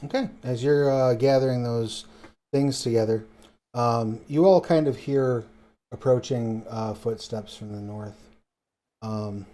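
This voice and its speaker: A man narrating as game master of a tabletop game, relaxed and hesitant, with many fillers. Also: medium pitch, unhurried.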